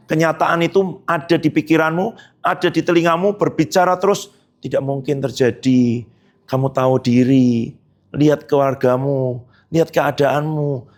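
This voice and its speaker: A man preaching a sermon as pastor, lively, asking the congregation questions and joking with them. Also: fairly high pitch. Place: church hall.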